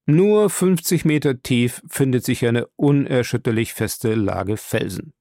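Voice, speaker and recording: A man reading the part of a stern, proud male submarine captain in an audiobook, speaking in a calm, measured and commanding way. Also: medium pitch, no room sound, studio quality.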